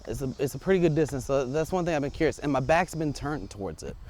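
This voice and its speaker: A man's voice: medium pitch, lively intonation, quick pace, darkish tone, slight background noise. A man chatting informally and thinking aloud as he records an unscripted vlog outdoors on a clip-on wireless lavalier. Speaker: vlogger testing audio gear. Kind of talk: casual unscripted vlog chat. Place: outdoors, walking up a residential street. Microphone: wireless lavalier clipped to shirt.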